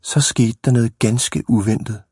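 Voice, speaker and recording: A man reading a children's story aloud. He is a lively reader who slips into voices for the characters. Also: medium pitch, breathy edge, no echo, clean studio sound.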